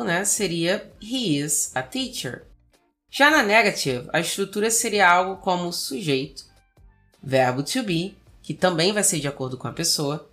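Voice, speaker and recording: A woman narrates a scripted English lesson as the teacher, saying each English example sentence slowly and carefully. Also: fairly low pitch, fairly bright tone. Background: faint background music.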